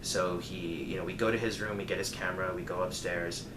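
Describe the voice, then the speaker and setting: Speaking briskly in a deep voice with fairly even intonation, this vlogger tells viewers a casual personal story, performing snippets of dialogue. The room echoes noticeably and background noise is clearly audible.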